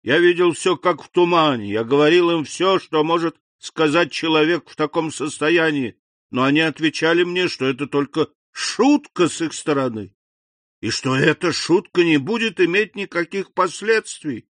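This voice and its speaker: A man's voice: medium pitch, lively intonation, no echo, close to an everyday voice. A man voicing an anxious, guilty innkeeper. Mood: agitated pleading. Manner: pleading, rushed confession. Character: remorseful middle-aged male innkeeper, anxious. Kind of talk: audiobook character voice.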